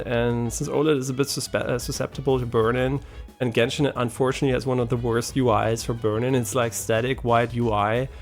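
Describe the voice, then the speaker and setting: A gaming streamer with a gravelly, mid-range voice rambles casually during a live stream, full of ums and restarts and constantly asking "right?". He's a native German speaker from a German-speaking background and is half French.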